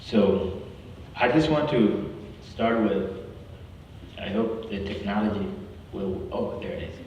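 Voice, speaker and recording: Man from South Sudan, deep-ish voice, earnest halting campus talk, far off in a long-reverb hall. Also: animated, darkish tone, muffled recording, a little hiss or hum. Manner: earnest, halting, with restarts and exclamations of "wow". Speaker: guest speaker. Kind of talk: campus talk with prayer and personal story. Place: large hall.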